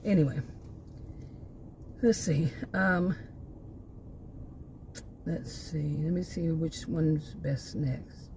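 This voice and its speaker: Her voice is deep, dark and a little hoarse, as this woman in her sixties is losing it. She speaks extremely slowly with long pauses, rambling through a monologue on her own channel and often stopping to find her thread. A little hiss or hum sits in the background.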